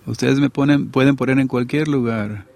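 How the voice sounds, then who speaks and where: A man's voice: medium pitch, fairly even intonation, normal speed, gravelly, darkish tone. A middle-aged man preaching a sermon to a congregation in a conversational way, often asking his listeners to agree.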